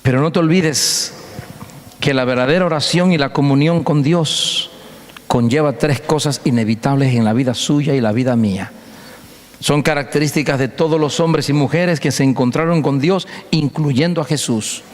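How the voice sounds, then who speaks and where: Man, pastor, sermon, emphatic storytelling, fairly high voice, long church-hall reverb. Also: moderate pace. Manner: emphatic preaching with repeated phrases and storytelling.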